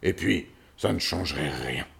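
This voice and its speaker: A man's voice: extremely low pitch, expressive, moderate pace, vocal fry, fairly bright tone, slightly rough, pitched below the performer's own voice, heavily acted. A man voicing a grumpy, lonely male lion, the king of the animals, who talks in a sulky, growling way in a children's story.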